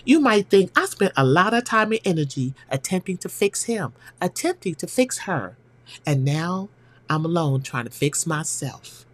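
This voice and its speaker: A woman's voice: on the low side, slightly rough. A woman hosting a podcast, delivering a scripted inspirational monologue in an earnest, emphatic way, speaking directly to the listener. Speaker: podcast host and counselor.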